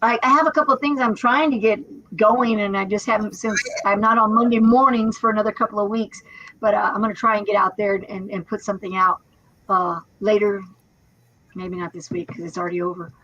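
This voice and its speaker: A woman's voice: mid-range voice, steady tone, a little fast, a bit bright, no room sound, lo-fi sound. A woman in her fifties chatting casually as a co-host, rambling with restarts and laughs. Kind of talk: casual chat on a live stream.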